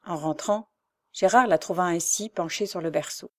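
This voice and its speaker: Narrating a classic novel for an audiobook, a woman gives a measured, expressive reading in a fairly low-pitched voice.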